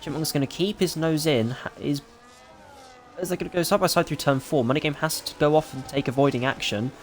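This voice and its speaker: A man giving excitable, rapid play-by-play as the lead commentator of a live sim racing broadcast. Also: fairly high pitch, slight background noise.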